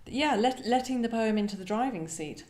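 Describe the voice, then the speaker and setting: Her voice sits fairly high, with lively intonation, a brisk pace, and a slightly mellow quality. She's a poet appearing as a guest at a live literary event, speaking reflectively and reading poetry in an echoey indoor venue whose roomy acoustics carry into the recording.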